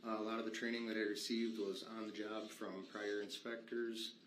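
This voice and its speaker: A man's voice: lowish voice, flat delivery, normal speed. A man giving formal testimony as a witness, explaining his work in a matter-of-fact way. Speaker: witness, state patrol vehicle inspector. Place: courtroom. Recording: echoey courtroom, faint noise.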